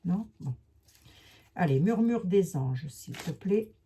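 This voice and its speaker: A woman's voice: on the low side, lively intonation, slow, mellow, slight background noise. A woman with a Lorraine accent doing a rambling, chatty tarot and oracle card reading for her viewers, full of hesitations and asides. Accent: Lorraine French.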